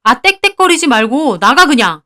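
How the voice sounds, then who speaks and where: A woman's voice: sits high, sing-song, moderate pace, bright, forceful tone, full character voice. A woman voicing a jealous, moody young man who is the narrator's fiancé, curt and sulky, in read-aloud story dialogue. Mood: angry.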